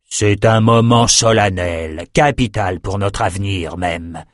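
A man's voice: fairly low pitch, takes it slowly, dry recording, studio quality. A man voicing a stern, feared male warlord king who speaks in a commanding, solemn way in an audiobook.

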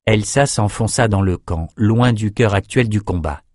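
A man narrating a fantasy audiobook in a steady, measured storytelling voice. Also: on the low side, no echo, clean studio sound.

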